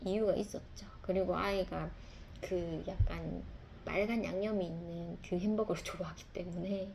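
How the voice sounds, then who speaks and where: A woman's voice: lowish voice, steady tone, normal speed, gravelly, darkish tone, slight background noise. A woman, a mother, telling a reflective personal story in a confessional, rambling way, full of fillers and restarts. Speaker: mother sharing a testimony.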